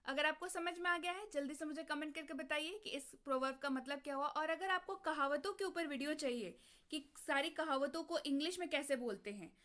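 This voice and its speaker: Bright-voiced woman teaching English phrases. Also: high-pitched. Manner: slow, clearly drilled phrases repeated twice; asks the viewer questions and answers them. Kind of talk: spoken English lesson in Hindi.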